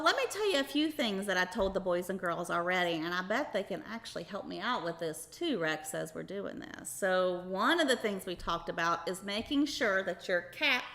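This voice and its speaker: A woman's voice: medium pitch, fairly bright tone. A woman hosting a children's show, teaching in a sing-song, encouraging way as she talks to kids and a puppet. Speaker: kids' show host.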